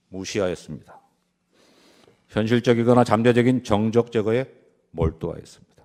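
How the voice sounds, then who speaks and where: A man's voice: mid-range voice, a little mellow. Solemn man delivering a formal courtroom argument. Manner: solemn, deliberate, emphatic phrasing in short segments. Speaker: lawyer delivering a closing argument. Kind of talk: formal prepared courtroom speech.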